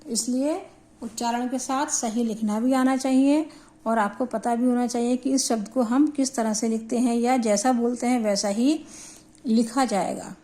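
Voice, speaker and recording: A woman teaching a Hindi grammar lesson, explaining slowly and deliberately and spelling out syllables for her students. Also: on the high side, fairly even intonation, warm tone.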